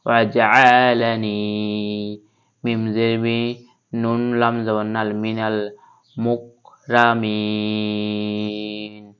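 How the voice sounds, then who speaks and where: Male recitation teacher, slow and monotone, breaks words into spelled letters. Smooth voice, muffled lo-fi take. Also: medium pitch. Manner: spells letters and vowel marks step by step, then recites slowly. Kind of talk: online spelling-based recitation lesson.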